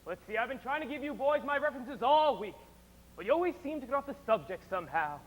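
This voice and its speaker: A glib, persuasive con-man salesman, voiced by a teenage boy on a school stage. The voice sits fairly high for a man. A long hall reverb trails each line. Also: animated, fast talker. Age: teens. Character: smooth-talking traveling salesman professor, confident charmer. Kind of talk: high school musical theater acting.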